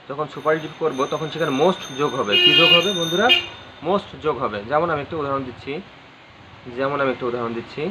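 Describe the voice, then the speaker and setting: A man teaching an English grammar lesson, spelling words letter by letter, repeating phrases and asking his viewers questions. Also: fairly high pitch. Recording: slightly dull audio with faint ambient noise.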